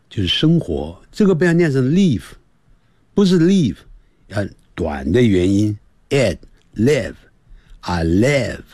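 A man teaching English on the radio, explaining grammar and drilling pronunciation with slow, repeated words in a playful, lively manner. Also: on the low side, husky, no echo.

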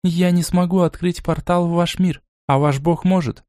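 A man voicing a weary, evasive female elf captive in a raised, soft, tired voice. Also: sits high, fairly even intonation, normal speed, no room sound, studio quality, voice pushed up, natural voice.

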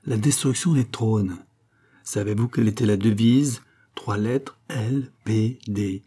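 A grave, gentle count speaks in an audiobook, earnest and affectionate. A man voices him low and husky, with a soft, mellow tone. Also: takes it slowly.

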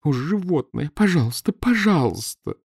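A man voicing a shrill, furious middle-aged wife who scolds her husband in a high, shrieking voice, in an audiobook. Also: sing-song, fairly quick, no echo, clean studio sound. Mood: pleading. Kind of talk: audiobook character voice.

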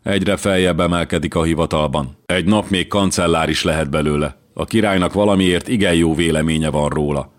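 A man's voice: sits low, lightly acted. A man doing a grumbling, resentful nobleman. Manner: muttering, grumbling.

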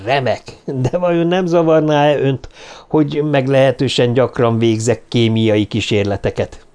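A man's voice: medium pitch, steady tone, a little mellow, smooth, lightly acted. A man reading the part of Sherlock Holmes, a self-assured and somewhat fussy detective, in an audiobook. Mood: candid. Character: Sherlock Holmes, brisk eccentric male detective.

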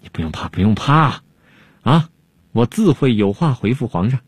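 A male storyteller puts on a sly old-court jester with a husky, lively voice. He draws out his words and teases without hurry. The sound is close and dry. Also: mid-range voice, normal speed, no echo.

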